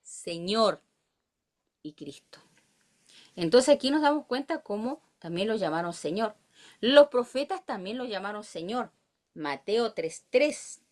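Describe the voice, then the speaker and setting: Chilean woman leading a Bible study, lively up-and-down delivery, mid-pitched, questions the room. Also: unhurried. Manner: animated, asks the listeners questions and reads verses aloud. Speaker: Bible teacher.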